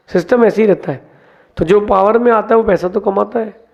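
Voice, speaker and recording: Male monk, sermon, lively storytelling, high voice, gravelly, dull lo-fi recording. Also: a little fast. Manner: lively teacher, acts out quotes, mixes English words. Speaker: Jain monk giving a discourse. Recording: dull lo-fi sound.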